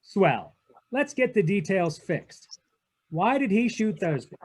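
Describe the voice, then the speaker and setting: An actor playing a tough, defiant, wisecracking private detective in a 1940s radio drama, with blunt, slangy delivery. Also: male voice, high-pitched, sing-song, slow pace, slightly rough, full character voice. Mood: cool confidence. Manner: clipped, blunt, slangy hardboiled talk. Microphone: video call.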